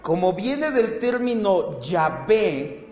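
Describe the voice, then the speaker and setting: Male Bible teacher, slow and deliberate, higher voice, reverberant church room. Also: big pitch swings. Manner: slow, repeats terms, calls on listeners by name. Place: church meeting room with projector. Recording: echoey hall.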